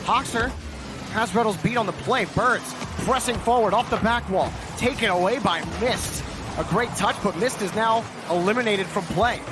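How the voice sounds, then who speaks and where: Male esports caster, high-pitched, clipped play-by-play, loud music behind. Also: normal speed. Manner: clipped phrases following the play. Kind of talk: esports commentary, calling the action.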